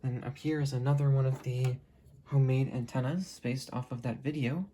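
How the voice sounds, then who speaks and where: Warm and steady, this mid-range voice moves at a moderate pace, with slight background noise in the recording. The hobbyist creator runs an informal show-and-tell in a home room, camera in hand, rambling and self-correcting.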